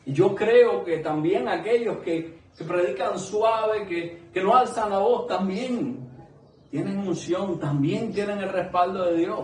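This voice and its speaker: At a measured pace, a man with a high, slightly mellow voice delivers an earnest, conversational sermon to a small congregation, asking many rhetorical questions. The sound is echoey, recorded with the mic at a distance.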